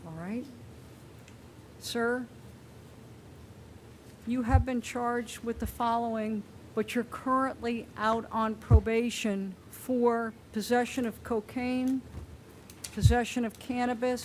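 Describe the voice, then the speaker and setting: A woman judge with a slightly high voice speaks in a firm, businesslike way. She reads out charges and rulings deliberately. The sound comes from a courtroom recording with a faint layer of background noise. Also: flat delivery, a little mellow. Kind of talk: formal court hearing.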